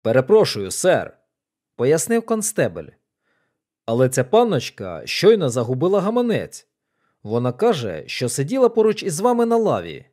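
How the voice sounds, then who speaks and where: A man's voice: on the high side, wildly swooping pitch, normal speed, darkish tone. A man voicing a burly constable who speaks firmly and politely.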